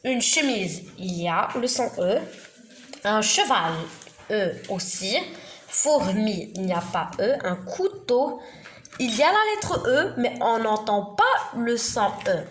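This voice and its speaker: A woman giving a beginners' reading lesson, spelling out letters and syllables slowly and deliberately. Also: mid-range voice, sing-song. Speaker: teacher. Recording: echoey room with faint noise.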